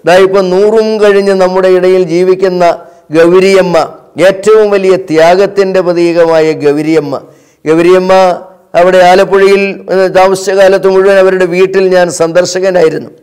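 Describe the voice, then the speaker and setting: A man's voice: sits high, darkish tone, smooth. An older man recounting personal memories as an interview guest, in a vivid, anecdotal way. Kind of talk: memoir storytelling.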